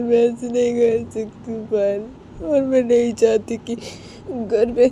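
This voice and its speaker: A woman's voice: a little high, warm tone, slight background noise, voice pushed up, natural voice. A woman voicing a tearful young woman who pleads desperately, her words breaking into sobs, in a storybook romance.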